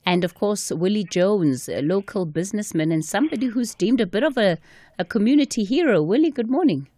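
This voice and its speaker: Smooth, mellow radio hostess. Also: female voice, mid-range voice, lively intonation, a little fast, dry recording. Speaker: radio talk show host. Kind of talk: smooth radio host presentation. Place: radio studio. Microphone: studio microphone.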